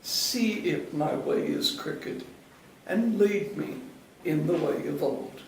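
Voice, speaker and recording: Distant, echoing higher-pitched male lector. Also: vocal fry. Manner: deliberate, phrase by phrase. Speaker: lector reading scripture and psalm. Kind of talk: liturgical scripture reading. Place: church during a service. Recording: echoey, distant, noisy church recording.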